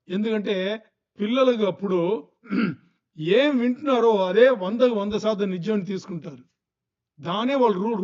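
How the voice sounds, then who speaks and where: High-voiced preacher firing questions. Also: male voice, a little mellow, highs cut off. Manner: fires rhetorical questions at the congregation. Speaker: pastor. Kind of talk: sermon.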